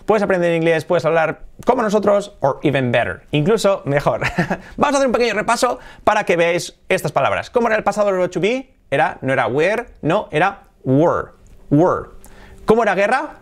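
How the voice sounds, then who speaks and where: Playful Spanish-speaking pronunciation teacher. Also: male voice, high-pitched, quick pace. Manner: playful, exaggerated demonstrations of sounds, frequent laughs; direct address to viewers, lively. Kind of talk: pronunciation lesson for a video channel.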